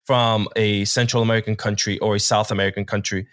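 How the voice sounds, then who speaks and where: A man from Puerto Rico, a native Spanish speaker, co-hosting a podcast with measured, thoughtful talk. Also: lowish voice, level tone, a bit bright, no room sound, clean studio sound. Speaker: podcast producer and co-host. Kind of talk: casual podcast chat.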